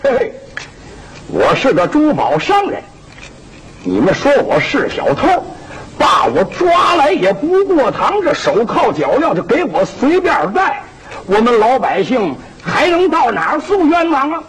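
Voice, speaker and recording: A man's voice: very high voice, a little slow, full character voice, poor audio. A man with a Shandong accent voicing a cocky yet courteous young male outlaw hero who speaks boldly, on a hissy old recording. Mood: indignant. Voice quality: bold, lively.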